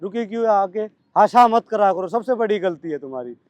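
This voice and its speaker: A male coach with a Delhi Hindi accent calling brisk commands and scolding his trainees at practice. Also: sits high, lively intonation, darkish tone.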